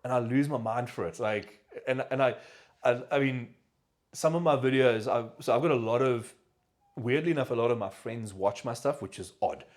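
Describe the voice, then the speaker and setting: A man's voice: mid-range voice, moderate pace. A South African man hosting a podcast, telling stories in a casual chat and acting out the voices of people he quotes. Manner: animated storyteller, acts out quoted voices. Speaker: podcast host.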